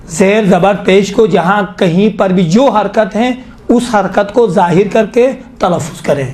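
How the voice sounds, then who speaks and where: A man teaching tajweed in a lesson, explaining rules, quizzing students and slowly demonstrating recitation. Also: sits high, darkish tone.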